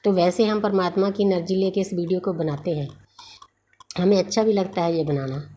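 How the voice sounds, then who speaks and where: A woman with a fairly low voice gives a spiritual tarot reading in a gentle, unhurried way. She sounds reassuring as she guides the listener. A faint background hum sits behind her. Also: fairly even intonation. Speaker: tarot reader.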